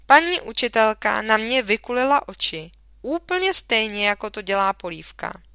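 A woman reading a children's story aloud in a lively, expressive narration. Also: a little high, clear, resonant tone, dry recording. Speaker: audiobook reader.

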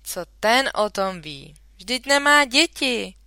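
A woman's voice: fairly high pitch, lively intonation, pushed and bright, clean tone, no echo, voice pushed up. A woman reading a children's story aloud, voicing an exasperated, blustering father. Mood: irritated.

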